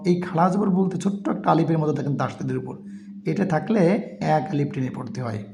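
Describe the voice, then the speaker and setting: A man teaching Quran reading step by step, spelling out each letter and vowel and then reciting slowly. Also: fairly high pitch, lively intonation, creaky, warm tone, slight background noise.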